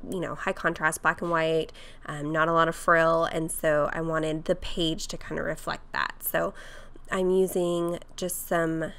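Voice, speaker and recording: A woman with a cold-roughened voice, chatting casually through a craft tutorial voice-over. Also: deep voice, little pitch movement, unhurried. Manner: chatty, with fillers and soft laughs. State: hoarse from a cold. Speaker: craft vlogger.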